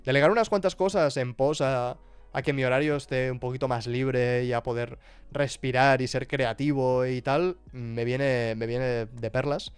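A man talks casually to his stream, restarting phrases as he thinks aloud. His voice is smooth and mid-pitched, recorded dry and close. Faint music plays underneath. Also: fairly even intonation, moderate pace, dry recording. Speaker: streamer and YouTuber. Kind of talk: casual live-stream chat.

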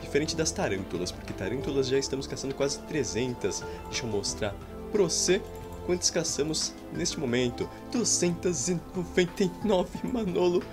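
With a Brazilian Portuguese accent and a slightly high voice at normal speed, a young streamer offers playful, rambling gameplay commentary peppered with roleplay jokes and excited outbursts. The recording is indoors at home, with faint game music.

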